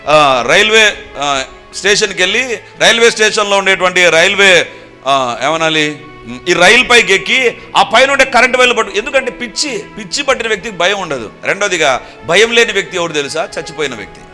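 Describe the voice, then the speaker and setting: A man preaching a sermon with fervour, dropping to a hush and then rising into raised, urgent passages, with English phrases slipped in. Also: high-pitched. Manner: fervent, swings between hushed and raised voice, mixes English phrases.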